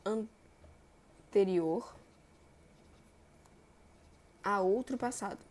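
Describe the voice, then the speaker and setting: A young woman, teaching verb tenses in a chatty way and stretching example words slowly. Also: medium pitch, darkish tone. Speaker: Portuguese grammar teacher. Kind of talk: explaining verb tenses on a board.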